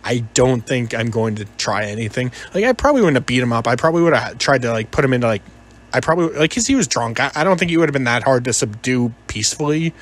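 A fast-talking man with a medium-pitched voice and lively intonation narrates a gaming video, sharing a personal story. His delivery is casual and rambling, full of hesitations and repetition, and he quotes bits of dialogue along the way.

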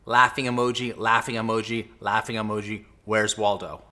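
A man in his forties hosting an opinionated commentary vlog from a small home office, talking close into a boom mic in a sarcastic, argumentative way. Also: little pitch movement, normal speed, pushed and bright. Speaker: host. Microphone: studio mic on boom, close.

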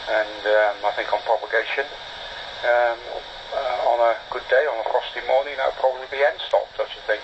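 A man's voice: mid-range voice, steady tone. Man on a hissy ham radio call. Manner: unhurried, hesitant, reads out call signs phonetically. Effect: heard over a ham radio receiver. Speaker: amateur radio operator. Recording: muffled, hissy radio receiver audio.

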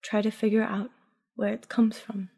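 Woman, sleep story narrator, mellow dark tone, soft breathy endings, calm guided meditation, long reverb. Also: medium pitch, normal speed.

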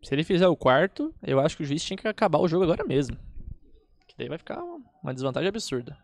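A man's voice: a little high, sing-song, rapid-fire, creaky. A man with a Brazilian accent calling a football match live in an informal, colloquial way. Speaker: football play-by-play commentator.

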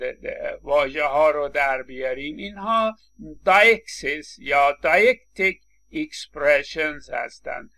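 A man's voice: fairly high pitch, gravelly, fairly bright tone. A man giving a recorded lecture, explaining with examples, acting out short quotes and often stammering on restarts. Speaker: linguistics lecturer.

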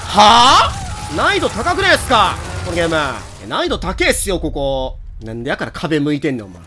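A young man with a Kansai accent giving excitable, joking commentary on a game he is playing, with loud outbursts. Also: high-pitched, fairly quick, music in the background. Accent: Kansai Japanese. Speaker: gameplay commentator.

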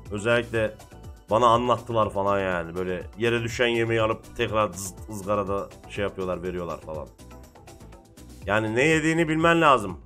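Excitable man calling a football match. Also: lowish voice. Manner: shouts encouragement at his players, calls play-by-play. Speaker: gaming streamer. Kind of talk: excited football game commentary.

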